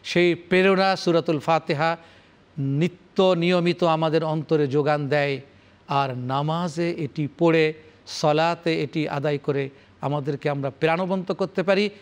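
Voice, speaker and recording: A man's voice: a little high, fairly even intonation, unhurried. A man giving a televised religious lecture on the Quran. He recites Arabic verses and explains them in formal, rhythmic, repeated phrases, addressing his audience solemnly. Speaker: Islamic scholar presenting Quran commentary.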